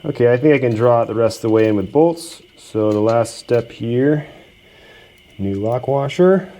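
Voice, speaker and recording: A man's voice: medium pitch, lively intonation, moderate pace, warm tone. A man hosting a repair video, talking casually and self-deprecatingly as he works in a workshop. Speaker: host of a machinery repair video. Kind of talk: casual hands-on repair narration.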